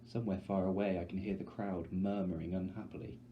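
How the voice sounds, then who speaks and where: A deep, steady male voice reads a story aloud at a brisk clip, giving it scripted, dramatic narration like an audiobook reader or teacher. The recording sounds dull, with light background noise.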